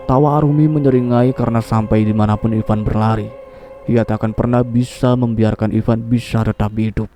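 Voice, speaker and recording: A man narrating a horror story in a steady storytelling read. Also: on the low side. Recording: voice over clear background music.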